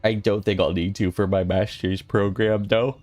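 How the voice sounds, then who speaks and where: A man's voice: fairly low pitch, fairly even intonation, moderate pace, darkish tone, dry recording. A young man in his twenties chatting casually with viewers on a stream, rambling and playful with giggly asides. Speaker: VTuber streamer.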